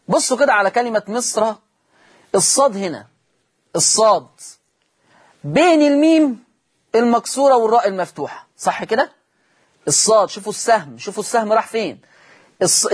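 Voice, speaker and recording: Man, Egyptian Arabic accent, husky breathy voice, recitation teacher, patient, repeats rules, quizzes the class. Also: sits high. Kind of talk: televised recitation lesson.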